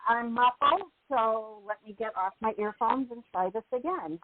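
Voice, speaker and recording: A woman's voice: on the high side, normal speed, dry recording. A woman hosting a radio talk show, her voice muffled as if heard through a wall from faulty earphones. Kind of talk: casual talk-show chat. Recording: muffled phone-line sound.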